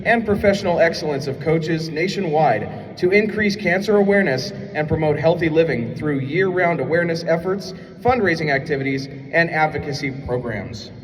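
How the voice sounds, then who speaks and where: At an indoor college basketball gym, a public address announcer makes formal basketball announcements in a projected, showman's delivery. His voice is a little high, at a moderate pace with few pauses and a slight hiss or hum, heard through an echoey PA from a distant mic.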